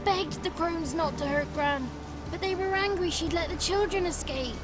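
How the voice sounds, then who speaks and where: A small, cheeky blue goblin. His voice sits high and keeps darting about as he frets through his tale. Loud game music plays behind him. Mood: fretful. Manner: folksy rustic storytelling, quick and fretful.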